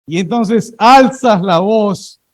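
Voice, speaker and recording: High-voiced pastor preaching. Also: male voice, slow pace, dry recording, poor audio. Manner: lively storytelling, asks congregation to repeat words. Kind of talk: sermon.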